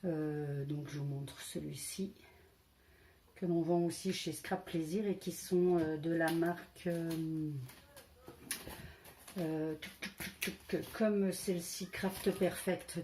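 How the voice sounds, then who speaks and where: A woman's voice: low voice, fairly even intonation, takes it slowly, warm tone, slight background noise. A woman presenting her papercraft cards in a casual, hesitant way, with many fillers, and speaking with a French regional accent. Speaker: crafting vlogger. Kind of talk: casual craft show-and-tell.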